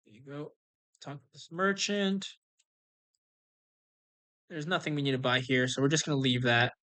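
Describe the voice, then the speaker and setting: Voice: mid-range voice, normal speed, fairly bright tone. A game streamer giving casual live walkthrough commentary, instructing and talking through each move as it happens.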